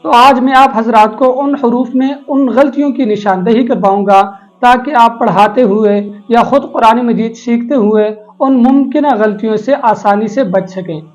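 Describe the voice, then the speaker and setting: Measured male Quran recitation teacher. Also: extremely high pitch, low-quality recording. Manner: measured, explanatory, drawn-out letter demonstrations. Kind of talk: instructional lesson. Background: faint background music.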